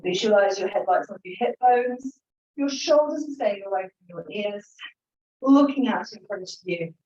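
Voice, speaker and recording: A woman's voice: medium pitch, expressive, normal speed, darkish tone. A woman teaching a Pilates class, encouraging the group as she counts reps and cues each breath. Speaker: Pilates instructor. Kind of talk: guiding an exercise class. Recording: roomy, slightly dull sound.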